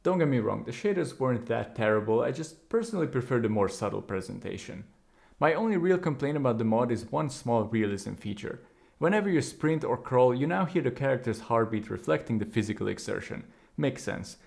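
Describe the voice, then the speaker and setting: A man's voice: mid-range voice, animated, brisk, creaky, a little mellow. A man narrating a scripted video game review, opinionated and with wry asides.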